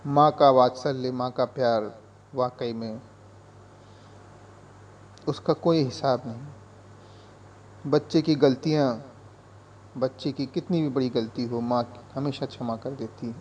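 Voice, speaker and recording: A man narrating a story in a calm, gentle, reflective way. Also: mid-range voice, normal speed, lo-fi sound, slight background noise.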